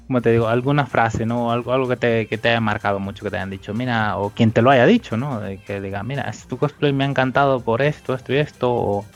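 A man's voice: medium pitch, fast talker, hardly any pauses, faint music behind. A man interviewing a guest, repeating words while he frames his questions. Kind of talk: casual interview. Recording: dull lo-fi sound.

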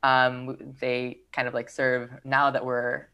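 A young woman from Peru talks about her fashion label in a relaxed, easygoing interview. Her voice sits very low for a woman, and she fills her sentences with "like" and "um" as she thinks aloud. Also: slow pace, clear, resonant tone. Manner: relaxed, filler-heavy, lots of "like" and "um". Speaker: fashion brand founder. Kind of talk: casual interview chat.

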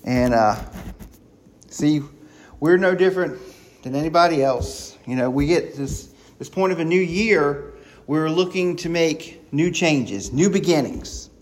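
A man preaching a sermon, excited and quick, with frequent restarts and repeated words. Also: a little high. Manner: excited, talking fast with many restarts.

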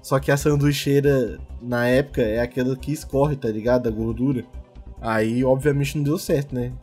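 A man's voice: medium pitch, steady tone, normal speed, a little mellow, faint music behind. A young man with a Brazilian Portuguese accent, telling personal stories in a slangy, jokey, rambling chat among friends. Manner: slangy, jokey, rambling with frequent tag questions.

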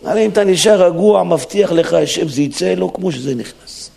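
A man's voice: sits high, creaky, dark tone, husky. A man, a rabbi, giving an emphatic Torah sermon in a synagogue, acting out the quotes as he preaches. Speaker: rabbi giving a weekly lesson.

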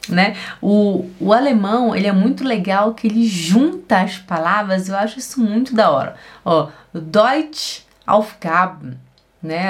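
A woman teaching German in Brazilian Portuguese, slowly and patiently repeating each phrase. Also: mid-range voice. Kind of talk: language lesson.

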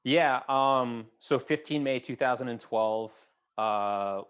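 A man in his thirties, a veteran guest in an interview, telling his story in a halting way with many fillers and restarts, his voice dropping low at emotional points. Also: fairly bright tone, clear, resonant tone. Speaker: guest, combat-wounded veteran. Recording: dull, lo-fi sound.

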